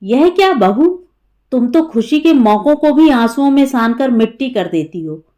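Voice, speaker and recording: A woman's voice: high-pitched, animated, measured pace, dark tone. A woman voicing a blunt older neighbor woman who scolds a grieving mother in an audiobook story. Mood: chiding. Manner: chiding.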